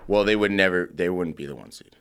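A man with a very low, deep voice co-hosting a loose sports podcast. He talks bluntly and argues hard, tossing in profanity, with gum in his mouth. The tone stays casual between friends. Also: fast talker, a bit bright, clear, resonant tone. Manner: chewing gum while talking. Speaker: podcast co-host.

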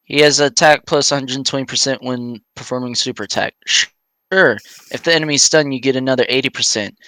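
Brief: man, casual co-host, bright and forward tone, dry close sound, reads stats off a card. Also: medium pitch, brisk, no room sound. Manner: reads game stats aloud, laughs often. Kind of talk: casual podcast chat.

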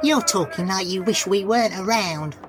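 A woman's voice: medium pitch, normal speed, background noise, close to an everyday voice. A woman playing a down-to-earth, nagging bandmate with a British accent in a comedy sketch. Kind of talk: comedy audio sketch acting.

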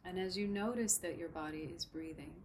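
A woman guiding a breathing meditation in a soft, soothing, unhurried way. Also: fairly low pitch, slight background noise. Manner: slow, soft, soothing instruction. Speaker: meditation guide. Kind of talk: guided meditation.

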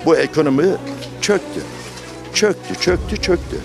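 A man's voice: on the high side, normal speed, gravelly. A man speaking out indignantly in a street interview, with rhetorical questions and repetition. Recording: music behind street speech.

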